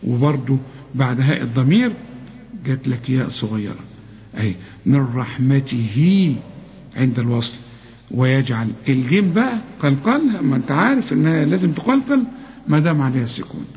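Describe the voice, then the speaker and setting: A man with an Egyptian Arabic accent teaching Quran recitation rules, explaining step by step and slowly chanting the verse examples. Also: mid-range voice, animated, darkish tone. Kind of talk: tajweed lesson. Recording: lo-fi muffled recording.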